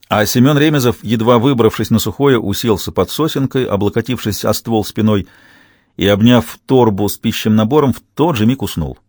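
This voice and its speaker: A man narrating an audiobook in an expressive storytelling manner. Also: lowish voice, no echo, clean studio sound. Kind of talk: scripted narration.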